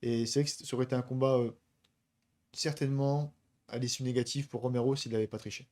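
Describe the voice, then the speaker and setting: Fast-talking man with a lisp. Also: mid-range voice, fairly even intonation, mellow. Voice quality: lisp, slushy s sounds. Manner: stammers at times. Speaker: co-host of a combat sports stream. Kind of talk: casual live-stream chat.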